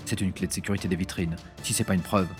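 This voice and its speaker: A man with a deep voice playing a surly, aggressive museum guard who barks accusations in an audiobook. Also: fairly even intonation, fast talker, over music, natural voice. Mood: accusing. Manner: barking, accusing. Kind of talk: audiobook character voice.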